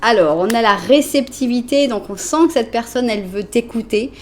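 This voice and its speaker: A woman's voice: a little high, expressive, normal speed. A woman from France, in her forties, doing a chatty, reassuring tarot card reading and narrating each card as she draws it. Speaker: tarot reader.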